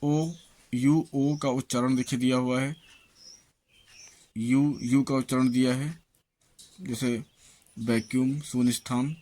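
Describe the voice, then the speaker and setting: A male English teacher with a mid-range voice reads pronunciation lists slowly and deliberately, saying each example word separately before the next. Between lists, he steadily encourages viewers to keep practising.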